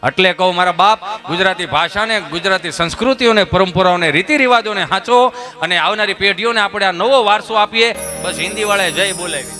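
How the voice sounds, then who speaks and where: High-voiced Kathiawadi folk comedian. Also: male voice, brisk, music in the background. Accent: Kathiawadi Gujarati. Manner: animated, folksy, acts out the characters. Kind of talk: humorous stage storytelling.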